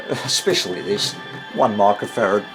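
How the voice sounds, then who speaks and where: An older man, a hobbyist radio repairer and presenter, rambles and thinks aloud at his workbench in a small indoor home workshop. His fairly low voice is unhurried and his commentary casual and unscripted, with music in the background and poor audio.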